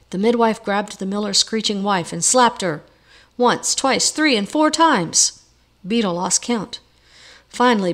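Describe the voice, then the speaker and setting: An audiobook reader, a woman with a mid-range voice, reads a storybook novel aloud in a measured, even manner.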